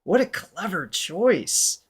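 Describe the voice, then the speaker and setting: A man co-hosting a live music reaction podcast, chatting casually, upbeat and quick to laugh. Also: high voice, slightly rough. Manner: upbeat and animated, laughs often. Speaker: podcast co-host running a live reaction stream.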